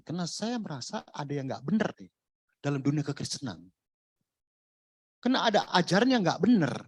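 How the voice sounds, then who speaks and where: Male pastor, casual joking sermon delivery, very lively intonation, dry recording. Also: high-pitched, no room sound. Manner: conversational, jokey preaching with rhetorical questions. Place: church.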